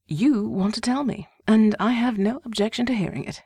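A dry, unruffled older gentleman, read by a woman narrator, answers in a calm, understated way with quiet teasing. The recording is close and dry, with no room sound. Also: on the high side, normal speed, breathy edge, no echo, voice pushed up. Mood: wry.

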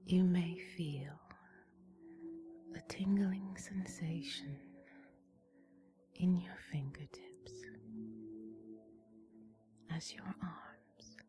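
A woman giving a guided sleep relaxation like a sleep story narrator, in a soft breathy whisper, soothing and gently instructing with long pauses. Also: lowish voice. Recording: soft music with singing bowl behind. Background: relaxation music.

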